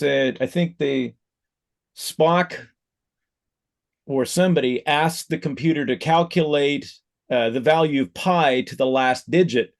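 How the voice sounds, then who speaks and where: A man in a casual conversation, reflective and halting, often pausing with fillers. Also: mid-range voice, vocal fry. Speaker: co-host.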